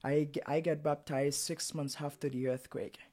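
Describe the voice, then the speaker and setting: A man's voice: fairly high pitch, level tone, moderate pace, a little mellow. Young Haitian-accented man, earnest guest. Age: 20s. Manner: earnest, simple phrasing. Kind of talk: interview conversation.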